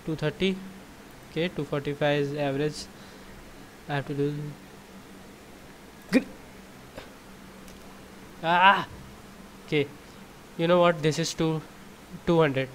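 A young man with a North Indian accent, a native Hindi speaker, doing casual gameplay commentary in a mock-boastful, excitable way, often repeating himself. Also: on the high side, moderate pace, pauses often, slight background noise, rough recording. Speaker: gaming YouTuber.

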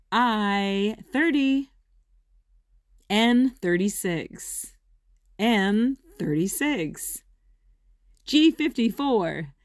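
A woman working as a bingo caller, announcing in short, measured, deliberate calls and repeating each one. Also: mid-range voice, darkish tone, dry recording, clean studio sound. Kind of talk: bingo calling, each number announced twice.

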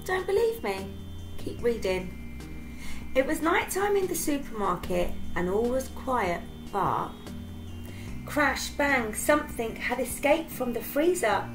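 A woman reading a children's picture book aloud in an expressive, dramatic storytelling manner. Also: fairly high pitch, slow pace, over music, rough recording.

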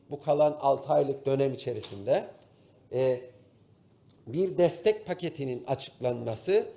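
Turkish cypriot guy at the parliament podium mic, formal speech, lots of uh pauses, mellow tone. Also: fairly high pitch. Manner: formal, addresses colleagues, pauses with drawn-out fillers. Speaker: member of parliament. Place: parliament chamber. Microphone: podium microphone at the parliament rostrum.

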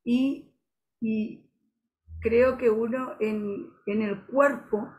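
A woman on a video call giving a slow, reflective personal testimony, halting often and restarting her sentences. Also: on the high side, steady tone, darkish tone. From Paraguay border region. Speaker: audience member.

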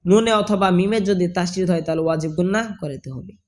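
His voice is high-pitched with a darkish tone and a Bangladeshi Bengali accent. He teaches recitation by breaking down every sound, then intoning the phrase slowly and drawn out.

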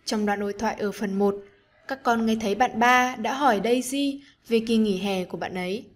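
Encouraging woman teacher, fairly high voice. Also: moderate pace. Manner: gentle, encouraging, addresses pupils directly. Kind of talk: online lesson narration for children.

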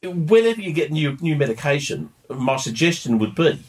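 Animated man telling a story. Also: fairly high pitch, moderate pace. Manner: animated, laughing, full of restarts. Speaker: podcast co-host. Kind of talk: casual anecdote-telling.

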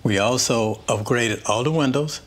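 A man in his fifties playing a homeowner in a scripted living room chat, calm and measured. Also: mid-range voice, slight background noise. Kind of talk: scripted conversation.

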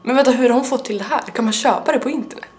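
A woman's voice: a little high, darkish tone. Young woman vlogging, stuffy nose, rambly and chatty, bit of hiss behind. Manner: chatty, rambling, lots of fillers. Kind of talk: casual vlog chat.

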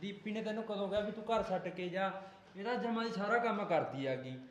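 A man's voice: high voice, a little fast, reverberant, natural voice. A young man from Punjab playing an easygoing husband who defends his wife, coaxing and placating. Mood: arguing. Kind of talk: amateur village drama acting.

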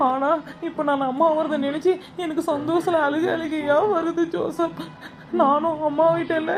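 A sly, emotional young daughter-in-law, played by a woman in a homemade comedy skit, with a high, whiny and plaintive voice. The chatter of a crowd carries on behind her. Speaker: skit actor.

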